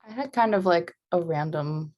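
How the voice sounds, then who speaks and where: A woman's voice: lowish voice, lively intonation, normal speed, a little mellow. A woman, a prospective student, asking a question on a video call in a casual way, saying "like" often. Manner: casual, lots of "like".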